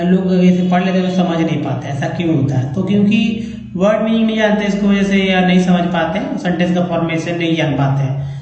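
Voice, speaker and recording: Guy teaching english words, says each one slow over and over, really echoey room. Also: high-pitched, a little mellow, highs cut off. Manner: spells out words slowly, repeats each many times. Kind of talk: pronunciation lesson. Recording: very echoey room, long reverb.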